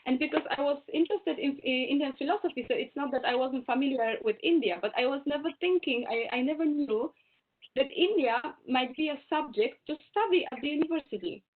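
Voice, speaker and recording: Speaking a little quickly in a high-pitched voice, this woman from Poland, a native German speaker, appears as a webinar guest on a video call that sounds tinny. She's talkative, often rephrases herself mid-sentence, and breaks into laughter easily.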